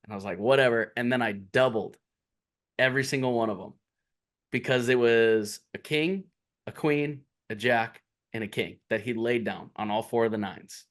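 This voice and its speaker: A man's voice: mid-range voice, normal speed. Laid-back man chiming in on a podcast. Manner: laid-back, corrects details and fills in the story. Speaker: podcast co-host. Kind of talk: casual chat.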